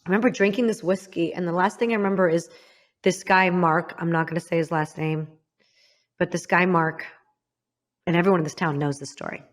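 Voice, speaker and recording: With fairly even intonation, a US Midwest podcast host relates a painful story from her life to a guest. She talks in a candid, halting way, her voice softening and sinking at difficult moments.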